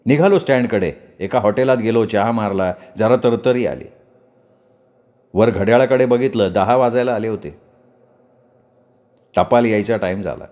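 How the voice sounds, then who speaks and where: A man narrating a first-person story in a conversational, lively storytelling manner. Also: on the low side, moderate pace, long pauses.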